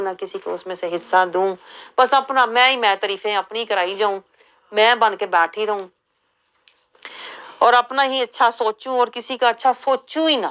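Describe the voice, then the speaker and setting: Casting woman religious teacher, Pakistani Urdu accent, earnest lecturing, a touch high-pitched. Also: a bit bright, smooth. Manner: earnest, acts out quoted complaints.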